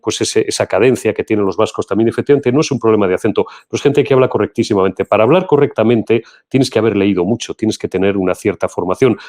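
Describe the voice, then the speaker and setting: Emphatic Castilian Spanish man hosting. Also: a little mellow. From Spain. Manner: emphatic, indignant, pitch rising when heated. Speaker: host. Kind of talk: political commentary talk show.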